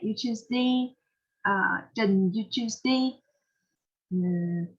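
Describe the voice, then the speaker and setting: A woman teaching English pronunciation with a Vietnamese accent, patiently drilling words and repeating them slowly. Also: on the high side, a bit bright, slightly rough, muffled recording. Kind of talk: online pronunciation lesson.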